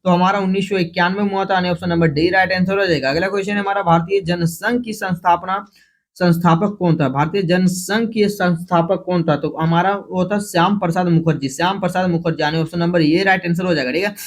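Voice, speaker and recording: Fast-talking high-voiced Hindi quiz teacher. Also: male voice, steady tone. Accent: Jharkhand Hindi. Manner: repeats each question, then announces the option letter; hurried, with frequent restarts and self-corrections. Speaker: exam prep teacher. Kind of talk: quick-fire multiple-choice quiz review.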